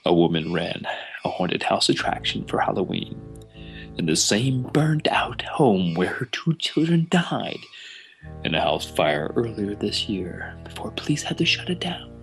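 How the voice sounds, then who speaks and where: A man doing a deep dramatic announcer voice. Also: sing-song, a little slow, gravelly, fairly bright tone, faint music behind, full character voice, low-quality recording. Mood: solemn. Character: grave dramatic male newsreader voice.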